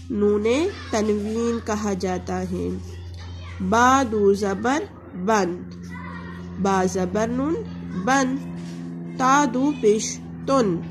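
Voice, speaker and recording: A woman's voice: mid-range voice, darkish tone. A woman teaching a Quran recitation lesson, patiently spelling out letters and vowel marks and drawing out example words.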